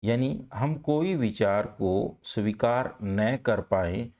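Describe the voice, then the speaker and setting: A man's voice: lowish voice, slow, darkish tone. A man teaching an online vocabulary class, explaining step by step and often asking a question and then answering it himself.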